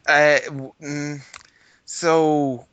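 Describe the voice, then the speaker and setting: A man's voice: fairly high pitch, flat delivery, extremely slow, fairly bright tone, smooth, no echo. A man co-hosting a comedy podcast, laughing along and asking incredulous questions about a ridiculous plan. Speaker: podcast co-host.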